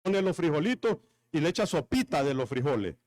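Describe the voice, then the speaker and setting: A man's voice: a little high, very animated, fairly quick, a little mellow. A man with a Honduran accent preaching a sermon, telling jokes and stories and calling out to the congregation. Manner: jokey, storytelling, talks with the congregation. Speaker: pastor.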